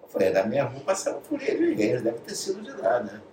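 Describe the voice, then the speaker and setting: Animated Brazilian man telling stories. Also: medium pitch, fast. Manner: animated storyteller, acts out quotes, drops to whispers. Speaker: guest. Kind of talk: casual anecdote telling. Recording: echoey room, distant mic, faint noise.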